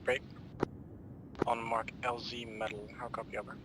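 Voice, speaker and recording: A man's voice: medium pitch, flat delivery, normal speed, background noise. A man making clipped military-style radio calls, naming call signs and ending with "over" as he plays a pilot in a multiplayer game. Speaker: aircraft pilot player.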